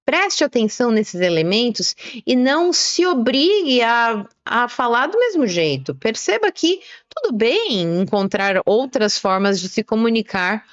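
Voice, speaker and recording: A woman giving an online English lesson, didactic and slowing down to stress key words. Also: fairly high pitch, big pitch swings, dry recording, muffled recording. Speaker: English teacher.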